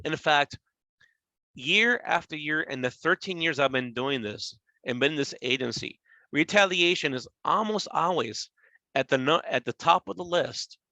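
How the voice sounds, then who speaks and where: This man's fairly high, sharp-toned voice comes through a dry recording with poor audio. In his forties, he gives a loose, conversational webinar on workplace law for a government agency, explaining and restating points and checking in with "right?"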